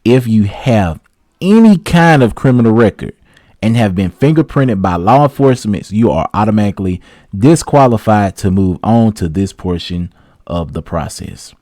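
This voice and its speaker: A young man, a truck driver giving relaxed, chatty career advice to viewers. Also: on the low side, moderate pace, no room sound, clean studio sound. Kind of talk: casual advice vlog with read-out tips.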